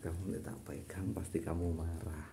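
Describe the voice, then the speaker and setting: A man's voice: low-pitched, level tone, noisy background. A man talking casually to his pet, coaxing it to sleep. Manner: slow, soothing, coaxing an animal to sleep. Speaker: pet vlogger.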